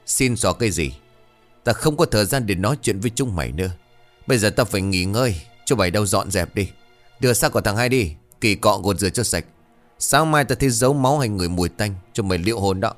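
A man's voice: on the low side, expressive, quick pace, faint music behind, lightly acted. A man voicing a cruel, scornful landlord. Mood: menacing. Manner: harsh, scornful, threatening. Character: cruel, arrogant rich male landlord villain.

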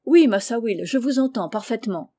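Woman reading as old male servant, earnest, plaintive, a bit raised and loud, mellow tone, storybook reading. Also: fairly high pitch, animated, brisk.

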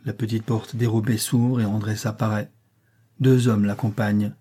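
A man narrating an audiobook with a measured, dramatic reading. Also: fairly low pitch, level tone, warm tone, breathy edge.

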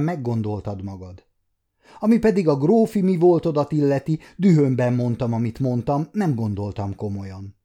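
A man in his fifties voicing an excitable, quick-tempered young male nobleman who raises his voice when stirred. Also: mid-range voice. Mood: apologetic. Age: 50s.

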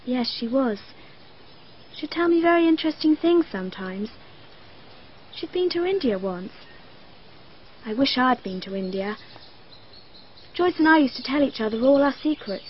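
An actress voices a precocious, dreamy girl of twelve whose speech is earnest, matter-of-fact and a bit odd. Her high-sitting voice is animated, moves at normal speed and pauses often. The audio sounds like dull lo-fi archive radio with a faint hiss.

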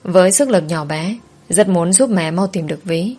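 Woman storyteller, lowish voice, slow hushed first-person telling. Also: lively intonation.

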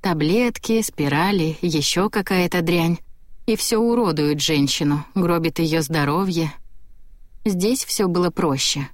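A woman narrating a first-person audiobook with lively, ironic storytelling. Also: lowish voice, measured pace, dry recording, clean studio sound.

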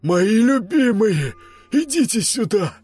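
A man voicing a mad bearded stepfather who switches between a booming, furious voice and a raspy, mocking one, in an audiobook. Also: very animated, slow pace, a little mellow, dry recording, soft background music, full character voice. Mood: crazed sing-song. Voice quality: shifts between booming rage and raspy mockery. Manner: unhinged, gloating, sing-song. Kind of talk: audiobook character voice.

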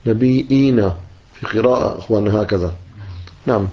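A man's voice: lowish voice, fairly quick. A man teaching a religious text, explaining each line and repeating key words, often closing a point with "yes.". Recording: dull lo-fi recording.

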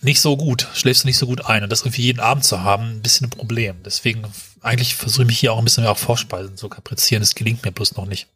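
A man's voice: mid-range voice, fairly even intonation, racing, few pauses, bright, forceful tone, breathy edge. A man chatting casually as a podcast co-host in a colloquial, rambling way. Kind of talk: casual chat.

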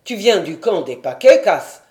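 A woman reading an audiobook voices a stern, fierce male chief, speaking in loud, forceful pronouncements. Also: medium pitch, very animated, unhurried. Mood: commanding.

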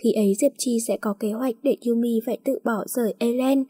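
Husky female story narrator. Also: fairly high pitch, steady tone, fairly quick, mellow, no echo, clean studio sound.

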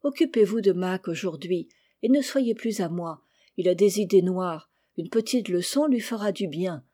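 A woman voicing an eager, curious young girl in an audiobook reading, speaking with lively enthusiasm. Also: mid-range voice, normal speed, lightly acted. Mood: pleading. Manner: enthusiastic, animated.

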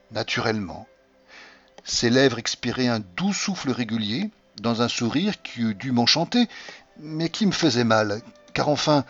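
A man reading a classic novel aloud as an audiobook narrator, with expressive storytelling delivery. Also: mid-range voice. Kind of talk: scripted literary narration. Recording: dull lo-fi audio.

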